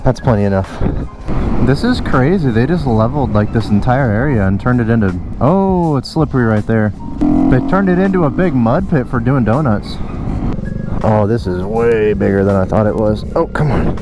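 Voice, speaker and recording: A young man vlogs from a moving motorbike on bumpy woodland trails, speaking at a normal pace in a mid-range voice and straining a bit as he's jostled. He exclaims excitedly in casual slangy bro talk, with loud music behind him and a rough recording.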